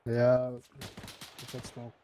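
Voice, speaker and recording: A man's voice: mid-range voice, monotone, slow pace, dark tone, a little hiss or hum. Blunt, sweary man in game chat. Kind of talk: casual in-game squad chatter.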